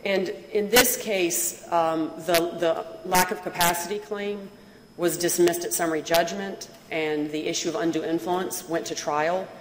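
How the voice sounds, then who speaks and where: Low-voiced woman lawyer in an echoey courtroom. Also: fairly even intonation. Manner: measured, deferential, precise. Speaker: appellate lawyer. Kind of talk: formal oral argument. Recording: very echoey hall, faint noise.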